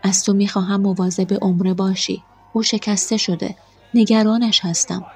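An actress voicing an affectionate young bride in an audiobook drama, gentle and warm. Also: female voice, mid-range voice, flat delivery, husky, soft background music. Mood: tender.

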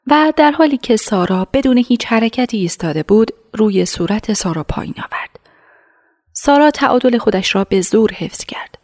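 A woman narrating a radio drama in a measured, hushed storytelling voice. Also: on the high side, lively intonation.

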